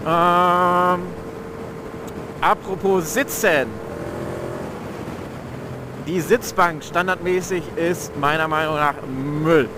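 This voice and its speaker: A man's voice: high-pitched, steady tone, takes it slowly, pauses often. A young man speaking from inside a motorcycle helmet, giving loose, slangy vlog commentary while riding and often searching for words. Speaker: motovlogger reviewing his motorcycle. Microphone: mic inside motorcycle helmet. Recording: helmet mic with engine and road noise. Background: motorcycle engine and outdoor traffic noise.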